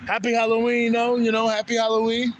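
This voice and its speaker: A man's voice: very high-pitched, completely flat delivery, a little fast, slight background noise. A man from Haiti giving a rambling, profane spiritual monologue that repeats itself. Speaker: spiritual vlogger.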